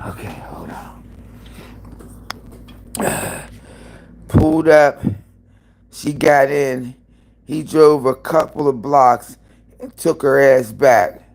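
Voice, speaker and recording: Fifties guy chatting live from home, gravelly and husky, cussing and gossiping, slow and lively. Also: medium pitch, rough recording. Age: 50s. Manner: animated, profane gossiping with viewers. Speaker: livestream host. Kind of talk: casual live-stream chat.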